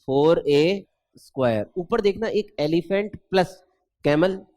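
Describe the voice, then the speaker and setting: A man teaching math in a chatty, playful classroom lecture, quizzing students with rhetorical questions and stretching out formulas slowly. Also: sits high, dark tone, dry recording.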